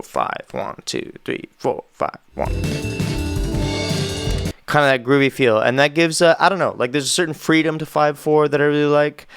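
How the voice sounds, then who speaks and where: A man's voice: medium pitch, a bit bright. A Canadian man, a musician, giving enthusiastic, rambling casual commentary as he reacts to an album.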